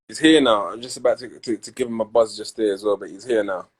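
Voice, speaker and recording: Over a video call, a male podcast host from Congo leads a relaxed interview, hesitating and repeating words as he hunts for what to say. He speaks with a low, steady voice, and there is heavy background noise.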